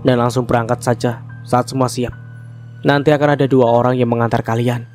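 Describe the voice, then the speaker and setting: A man playing a stern older village headman who gives orders forcefully. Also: mid-range voice, level tone, a little fast, faint music behind, natural voice. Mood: cold. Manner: forceful, commanding, impatient.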